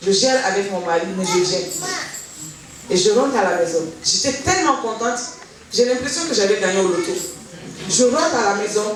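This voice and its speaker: A woman giving a spoken testimony in church, telling her story in a lively way and acting out the voices of the people in it. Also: medium pitch. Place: church hall. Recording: echoey hall from far off, faint noise.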